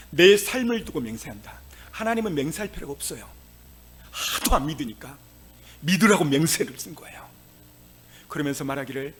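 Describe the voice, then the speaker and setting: Male preacher, lively pitch, breathy edge, hushed lines bursting into shouts. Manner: swings from hushed to loud exclamations. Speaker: pastor. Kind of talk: sermon.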